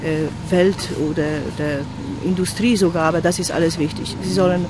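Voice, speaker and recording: An older woman, a former teacher, guiding school groups outdoors at a memorial site, speaking earnestly with halting phrasing. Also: fairly low pitch, steady tone. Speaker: tour guide for school groups. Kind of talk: on-site explanation. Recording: outdoor street noise.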